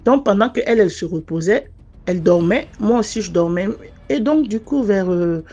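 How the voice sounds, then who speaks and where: A woman telling her own story in a casual, earnest way. She often pauses and restarts as she talks. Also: medium pitch, lively intonation, mellow. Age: adult mother. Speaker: listener sharing a personal testimony. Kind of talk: casual first-person storytelling.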